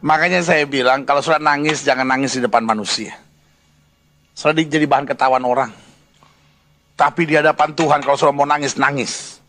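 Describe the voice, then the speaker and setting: A man pastor, preaching a lively sermon that mixes jokes with Bible reading. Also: fairly high pitch.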